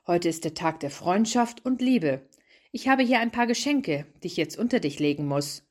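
A woman's voice: lowish voice, expressive, normal speed. A woman playing a cheerful young mother. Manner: warm, playful.

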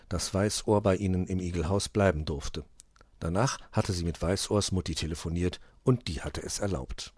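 A man narrating a children's animal story in an expressive storytelling manner. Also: deep voice, breathy edge, dry recording, studio quality.

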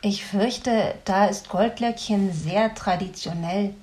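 A grumbling, fretful young fellow, read by a woman in a storybook. He sulks through his words at a slow, drawn-out pace, staying close to the reader's own middle voice. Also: medium pitch, a little mellow, close to an everyday voice. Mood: sulky, fretful. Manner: sulky, grumbling. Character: fretful, grumpy young man in training.

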